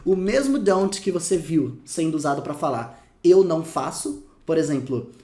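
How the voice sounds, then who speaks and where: Brazilian guy teaching english, lively, says the examples slow, roomy echo. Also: on the high side. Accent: Brazilian Portuguese. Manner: lively, repeats example phrases slowly. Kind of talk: casual teaching lesson. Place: room with dogs barking outside.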